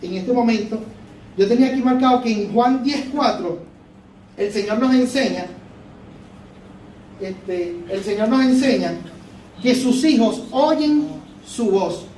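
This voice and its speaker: High-voiced preacher in echoey hall. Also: male voice, unhurried, long pauses, darkish tone, a little hiss or hum. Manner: fervent, repetitive preaching. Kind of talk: sermon. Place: church hall. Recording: echoey church hall, mic far off.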